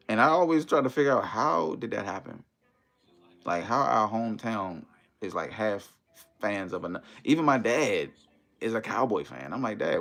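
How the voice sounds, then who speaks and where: Hosting a laid-back livestream, a man from the Maryland and Washington DC area of the United States talks to viewers conversationally, leaning on slang and tag phrases such as "you know." He has a fairly low, creaky voice with a fairly bright tone.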